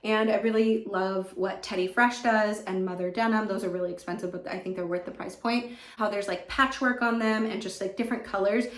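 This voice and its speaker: A young American woman talks in a casual, enthusiastic vlogger style. Her voice sits at a middle pitch and she repeats words for emphasis. The sound is strongly echoing, recorded in a bathroom on a camera's built-in microphone. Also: fairly even intonation, brisk. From California. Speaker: fashion vlogger. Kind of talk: casual chatty favorites vlog. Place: indoors in a home bathroom.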